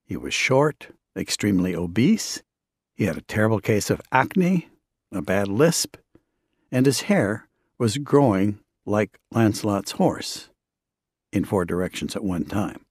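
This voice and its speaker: A man preaches with an earnest, conversational pull, weaving stories into his sermon. His voice sits on the low side with a husky grain, recorded close and dry. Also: big pitch swings, a little slow, a little mellow, no echo. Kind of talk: sermon with storytelling.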